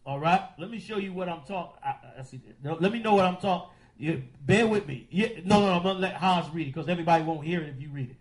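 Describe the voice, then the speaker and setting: A man hosts a call-in radio show in the manner of a preacher. His voice sits fairly high, and he stretches out key words with slow, emphatic weight. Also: rough recording. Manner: preachy, drawn-out emphatic delivery.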